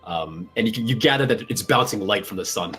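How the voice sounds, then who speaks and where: Husky male game master over music. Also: fairly low pitch, animated, a bit bright. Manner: halting, descriptive, searching for words. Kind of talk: improvised tabletop game narration.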